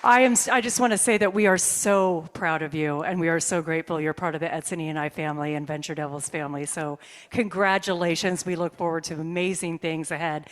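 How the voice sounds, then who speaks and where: A woman's voice: low-pitched, steady tone, brisk. Cheery woman emceeing an awards ceremony, lots of praise. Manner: upbeat, effusive praise. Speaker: event host. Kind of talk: live awards ceremony hosting.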